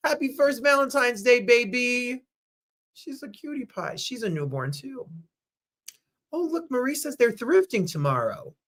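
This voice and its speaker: A man's voice: extremely high pitch, sing-song, a little slow, fairly bright tone. A man hosting a casual livestream chat show from home, upbeat and chatty, greeting viewers by name. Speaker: host.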